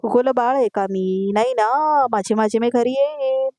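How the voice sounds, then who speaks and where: A woman reading the lines of a defiant, sharp-tongued young wife who answers with curt retorts, in a dry recording. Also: fairly high pitch, moderate pace, no echo, voice pushed up, natural voice.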